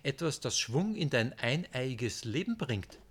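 A man's voice: mid-range voice, unhurried. A man voicing a cheerful, teasing old man while reading his book aloud. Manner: lively, raised and teasing.

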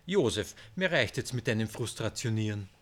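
A man's voice: on the low side, normal speed, natural voice. A man voicing a cheerful, teasing old man while reading his book aloud. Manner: lively, raised and teasing.

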